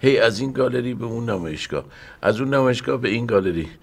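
Grumpy stammering art adviser. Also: male voice, mid-range voice, animated, creaky. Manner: grumbling, stammers when scared. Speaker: lead of a family sitcom. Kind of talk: sitcom acting.

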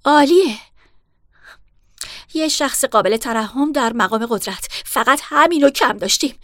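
A woman's voice: high-pitched, a bit bright, no echo, studio quality, pitched above the performer's own voice. A woman voicing a desperate young woman in a storybook reading, pleading and raising her voice. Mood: sarcastic.

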